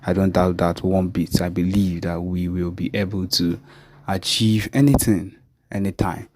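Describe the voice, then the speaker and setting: A man's voice: low-pitched, fairly even intonation, normal speed, a little mellow. A man with a Nigerian accent giving an impassioned political talk, emphatically repeating phrases with conviction. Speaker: political activist commentator.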